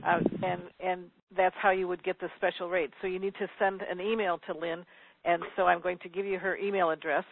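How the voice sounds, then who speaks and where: A man hosting a conference call, speaking carefully and deliberately and spelling details out slowly. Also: sits high, level tone, vocal fry, background noise. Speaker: call host. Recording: tinny phone line.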